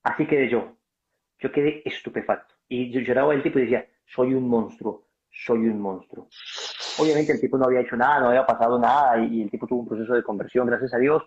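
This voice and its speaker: Over a video call, a man gives passionate answers in a preaching style, emphatic and acting out dialogue as he calls the listener brother. His medium-pitched voice keeps a fairly even intonation while he races along. The audio is dull and lo-fi.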